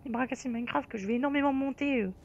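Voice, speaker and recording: A man's voice: extremely high pitch, rapid-fire, vocal fry, dull audio. A teenage boy hosting a casual chat, rambling and self-mocking as he talks. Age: teen. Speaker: YouTuber host. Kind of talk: casual chat over voice call.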